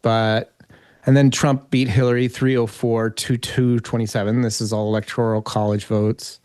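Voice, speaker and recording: A man's voice: medium pitch, little pitch movement, normal speed, darkish tone, clean tone, no room sound. Male political commentator as interview guest, conversational analysis, mid-range voice, very dry sound.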